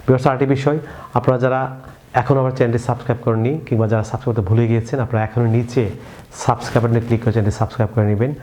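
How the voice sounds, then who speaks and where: A man's voice: mid-range voice, level tone, rapid-fire, mellow. A man with a Bengali accent teaching English pronunciation, drilling words one by one and having viewers repeat after him, over faint background noise. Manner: addresses viewers again and again. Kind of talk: YouTube language lesson.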